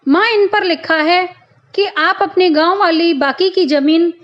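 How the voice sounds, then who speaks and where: A sly grown son, as a woman storyteller does him talks his mother round in a smooth, coaxing way. The voice stays very high and slow. The recording sounds a little dull.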